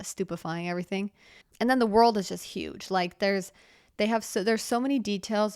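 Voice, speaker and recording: A young woman hosting a casual solo podcast, chatting in a rambling way with many fillers and restarts, and trailing off softly when she turns reflective. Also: medium pitch, clear, resonant tone, no echo, clean studio sound. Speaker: podcast host.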